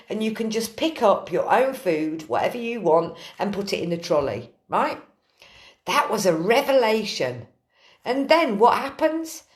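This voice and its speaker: A woman hosts a casual late-night live stream from her kitchen, talking in an animated, ranting way with earthy swearing. Her voice sits at a middling pitch. The echo of the room comes through clearly. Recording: roomy echo.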